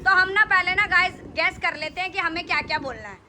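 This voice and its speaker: High bright chatty vlog host. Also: female voice, fast, a little hiss or hum. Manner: chatty, addresses viewers directly. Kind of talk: casual family vlog chat.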